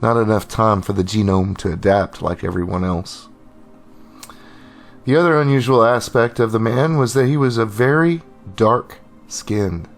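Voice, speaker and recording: A man narrating a first-person novel in a wry, conversational manner. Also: mid-range voice. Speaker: storyteller.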